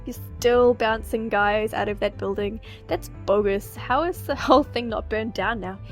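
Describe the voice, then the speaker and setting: A woman's voice: fairly high pitch, normal speed, soft background music, close to an everyday voice. A woman voicing a chatty, teasing teenage girl in a visual novel game.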